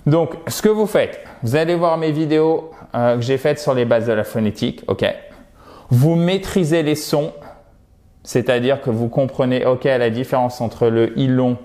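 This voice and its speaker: A man with a French accent teaching English pronunciation in a casual spoken lesson, lively, exaggerating the sounds and often checking in with his learners. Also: medium pitch, normal speed.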